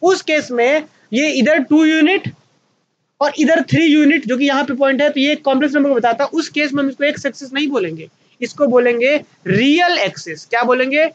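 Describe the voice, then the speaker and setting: A man with an Indian accent teaching a maths class, asking questions and answering them himself and slowing down to dictate notes. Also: extremely high pitch, lo-fi sound. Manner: slows right down to dictate notes. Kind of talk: online maths lecture at a whiteboard.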